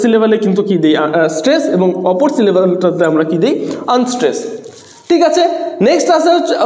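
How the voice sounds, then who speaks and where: High-voiced male teacher asking the class questions. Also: a little mellow. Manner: explains in short steps and asks the class questions; spells words letter by letter. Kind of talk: exam-oriented classroom lesson. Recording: echoey room with long reverb.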